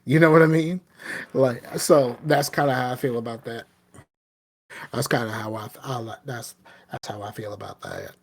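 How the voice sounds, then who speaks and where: A middle-aged man from the American South, with a Southern accent, co-hosts a podcast in casual chat, rambling and saying "you know what I mean" a lot. His mid-range voice keeps fairly even intonation at normal speed.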